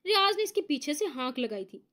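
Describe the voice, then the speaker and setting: A woman narrating a romance novel aloud in an expressive storytelling way. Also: high voice, fairly quick.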